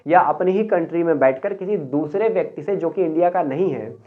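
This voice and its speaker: A man from Uttar Pradesh, India, giving a spoken English lesson. He explains step by step and slows down to model each phrase. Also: a little high. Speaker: English teacher. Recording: tinny phone-like sound.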